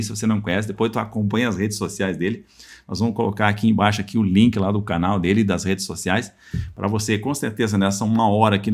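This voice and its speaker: A man hosts a podcast interview, talking at a rapid clip. He is energetic and chatty, tossing in tag questions to his listeners. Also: lowish voice, creaky. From Brazil. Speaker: podcast host. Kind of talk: casual interview.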